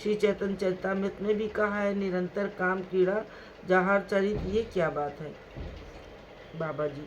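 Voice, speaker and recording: A man's voice: high-pitched, fairly even intonation, measured pace. A man voicing an earnest male disciple who puts a respectful, puzzled question to his elder guru, on a dull lo-fi recording. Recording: dull lo-fi recording, faint hiss.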